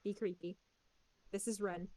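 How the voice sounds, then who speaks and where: A woman's voice: mid-range voice, fairly even intonation, unhurried, warm tone. A woman player in a tabletop game, chatting casually and eagerly encouraging the others.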